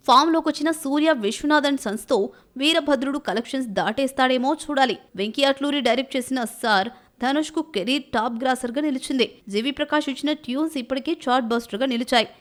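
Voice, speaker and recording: A woman reads a film news segment in a brisk, scripted voice-over. Her voice is high. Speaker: news narrator.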